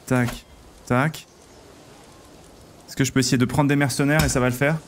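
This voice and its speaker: Guy streaming a strategy game rp, excitable, keeps exclaiming, bit of background hiss. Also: medium pitch, moderate pace. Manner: excitable, exclamatory, thinks aloud. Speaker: streamer playing a king in a strategy game role-play. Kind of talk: live-streamed game role-play chat.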